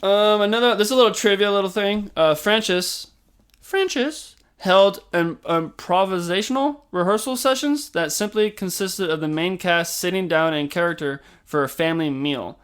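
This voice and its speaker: Young man, podcast co-host, bright voice, slightly high, excitable, swears freely. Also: moderate pace, clear, resonant tone. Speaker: podcast co-host, film expert. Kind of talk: casual chat, reading trivia.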